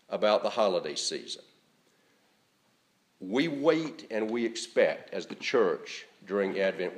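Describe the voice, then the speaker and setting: A man preaching a sermon, speaking in a measured, conversational way with frequent fillers and restarts. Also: lowish voice. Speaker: pastor.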